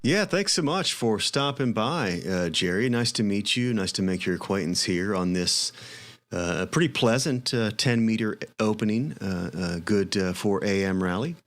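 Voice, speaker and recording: A man's voice: fairly low pitch, animated, moderate pace, fairly bright tone, a little hiss or hum. A man speaking as an amateur radio operator, casually making and calling for contacts. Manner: spells call signs in phonetic alphabet.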